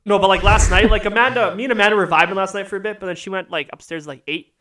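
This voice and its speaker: A man's voice: high-pitched, very fast, bright, forceful tone. A drunk young man rambling in a casual podcast chat, saying "like" constantly. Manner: rambling, heavy use of "like". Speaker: podcast co-host.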